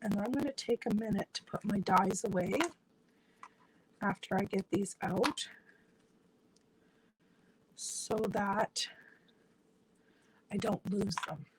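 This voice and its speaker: Working with her hands at a craft table, an independent stamping demonstrator who's losing her voice chats to viewers through a step-by-step tutorial. Her medium-pitched voice moves slowly with frequent pauses against a noisy background.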